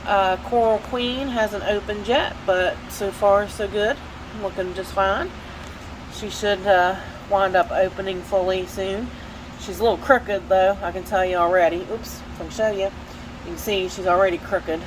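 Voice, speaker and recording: A Southern US orchid grower with a head cold narrates a relaxed tour of her plant shelves, chattering on with frequent fillers. Her medium-pitched voice keeps a steady tone at a moderate pace, growing nasal as she bends over, over some background noise.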